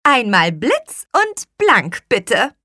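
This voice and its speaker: A woman's voice: fairly high pitch, wildly swooping pitch, drawn-out words, bright, forceful tone, dry recording, clean studio sound, pitched above the performer's own voice, full character voice. A woman voicing a small, good-natured female witch who chants spells in a sing-song way. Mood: lively.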